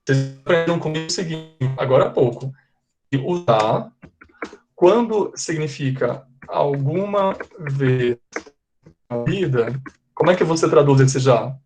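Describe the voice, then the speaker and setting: A man teaching English to a class, explaining patiently and slowly repeating example sentences. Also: a little high, music in the background. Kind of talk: live online class.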